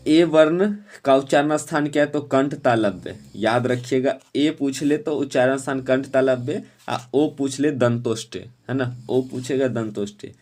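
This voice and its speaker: A man teaching an exam-prep lesson, quizzing students and urging them to answer quickly. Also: mid-range voice, darkish tone.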